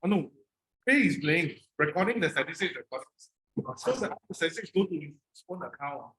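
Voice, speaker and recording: A man with a Singaporean accent guides a player through a brain game, giving casual, encouraging step-by-step directions in short, repeated phrases. His fairly high, fairly bright voice is brisk with lively intonation, and the room sounds roomy and echoing.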